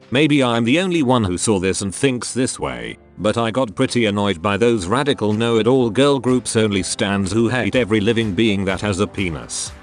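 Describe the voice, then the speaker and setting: A male text-to-speech robot voice hosting a channel, delivering blunt, opinionated commentary. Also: fairly low pitch. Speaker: channel host.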